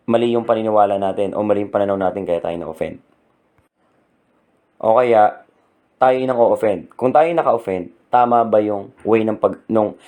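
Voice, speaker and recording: A man's voice: on the low side, darkish tone. Earnest preacher man. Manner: earnest, asks the room "Amen?" often. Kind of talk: Taglish sermon talk.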